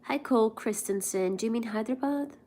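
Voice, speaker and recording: A woman's voice: on the high side, brisk, warm tone, slight background noise. A young woman from India, hosting a casual livestream and chatting with viewers while answering their messages. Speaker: livestream host.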